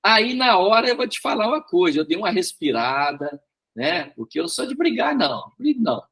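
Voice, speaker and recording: High, lively, husky man telling a story. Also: brisk. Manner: repeats words, frequent tag questions. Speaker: Bible study teacher. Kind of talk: storytelling in a Bible study.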